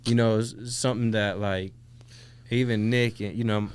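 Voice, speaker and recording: Smooth low-voiced laid-back man. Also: fairly even intonation, moderate pace. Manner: laid-back, slangy, says "bro" a lot. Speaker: podcast guest. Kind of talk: casual conversation.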